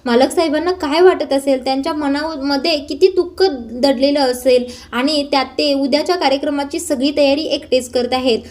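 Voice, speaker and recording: Woman voicing a gentle, caring young wife. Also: sits high, moderate pace, few pauses, lightly acted. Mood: earnest.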